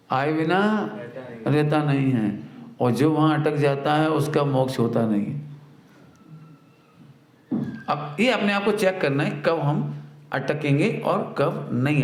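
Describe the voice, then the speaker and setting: A man's voice: a little high, slight background noise. Man giving a talk in an echoey hall. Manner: explains with everyday examples, repeats key lines; acts out a mother's scolding in a raised voice. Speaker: spiritual teacher. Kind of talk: devotional discourse. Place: spiritual retreat centre hall.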